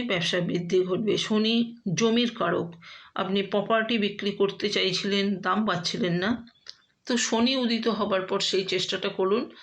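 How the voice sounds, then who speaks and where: Woman astrologer explaining steadily. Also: medium pitch. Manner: steady explanatory delivery with frequent um fillers. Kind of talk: horoscope talk to camera.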